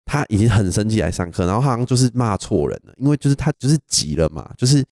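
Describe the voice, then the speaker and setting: Fast-talking young Taiwanese man, low mellow voice. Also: dry recording, clean studio sound. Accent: Taiwanese Mandarin. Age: young adult. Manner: animated storyteller, laughs often. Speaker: podcast co-host. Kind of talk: casual storytelling chat.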